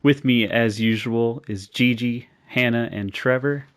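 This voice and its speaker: Young man, podcast host, casual chat, frequent laughs, filler words, mid pitch. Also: measured pace, clean tone. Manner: laughs often, many fillers.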